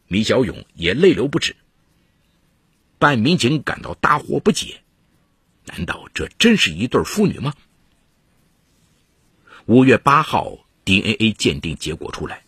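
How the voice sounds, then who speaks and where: A man narrating a true-crime story in a measured, scripted storytelling voice with dramatic emphasis. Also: medium pitch, fairly bright tone, husky, dry recording. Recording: dry close studio voice-over.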